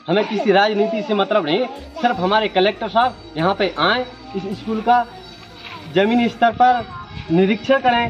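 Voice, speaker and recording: A man from rural Madhya Pradesh, a village resident earnestly and indignantly airing complaints in an on-the-spot outdoor interview. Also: high voice. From Datia district, Madhya Pradesh, India. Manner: earnest, indignant, talks in short bursts. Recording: dull lo-fi sound with music behind.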